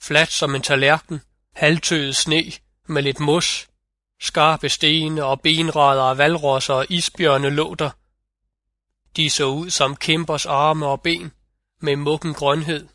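A man's voice: a little high, level tone, bright, forceful tone, dry recording, clean studio sound. A man voicing the boastful male North Wind in a fairy-tale audiobook reading. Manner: boastful, vivid storytelling.

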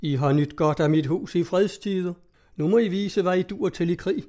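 A man's voice: high voice, warm tone, close to an everyday voice. A man voicing a blustering, fearful innkeeper. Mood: urging. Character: fearful bass-voiced male innkeeper.

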